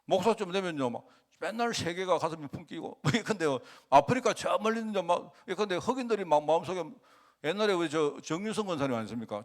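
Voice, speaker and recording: A middle-aged male pastor giving a conversational sermon, asking rhetorical questions and acting out quotes. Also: sits high.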